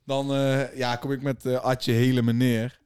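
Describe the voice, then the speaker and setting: A man's voice: medium pitch, little pitch movement, moderate pace, darkish tone, clean tone. A young man co-hosting a podcast, talking in a laid-back, slangy way with lots of fillers. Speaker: podcast co-host. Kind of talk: casual chat.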